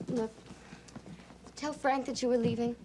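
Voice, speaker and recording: A woman's voice: on the high side, steady tone, a little slow. An actress playing a young woman who keeps pressing for answers, puzzled and insistent. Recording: noisy old TV broadcast.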